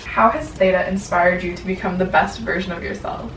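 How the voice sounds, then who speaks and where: A woman's voice: on the low side, fairly even intonation, a little fast. A young woman in casual chat, asking questions as a sorority sister. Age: young adult. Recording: roomy, distant mic, noisy.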